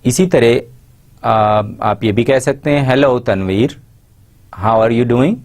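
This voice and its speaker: A man giving a recorded university lecture, explaining in Urdu and reading English example phrases slowly and carefully. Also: mid-range voice, darkish tone.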